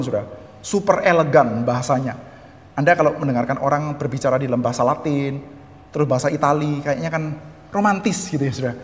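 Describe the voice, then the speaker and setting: A man's voice: fairly high pitch, a bit bright, in a large hall. A man with a Javanese-tinged Indonesian accent giving a church history lecture, chatty and full of humorous asides, constantly addressing his listeners.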